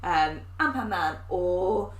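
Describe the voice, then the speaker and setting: A woman's voice: on the low side, lively intonation, slow pace. English woman musing at length, echoey room. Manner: thoughtful, explains at length with restarts. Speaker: co-host. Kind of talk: casual reaction chat.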